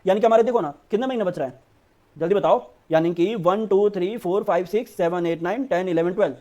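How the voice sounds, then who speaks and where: High-voiced, brotherly accounts teacher. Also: male voice, quick pace, a little mellow. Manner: brotherly, coaxing, repeats "ठीक है" often. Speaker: commerce teacher. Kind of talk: online board-exam lesson.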